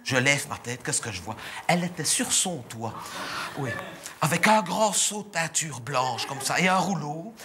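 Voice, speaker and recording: A man's voice: on the high side, very animated, moderate pace, bright, forceful tone, slight background noise. A man playing a gossipy naive Belgian housewife. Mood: chatty. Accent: Belgian French. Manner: chatty, indignant, breathless storytelling. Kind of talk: stand-up character monologue. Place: theatre stage before live audience.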